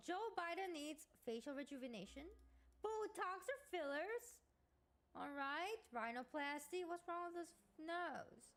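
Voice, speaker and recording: A young woman streamer chatting casually on a live stream, playful and thinking out loud with giggles. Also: extremely high pitch.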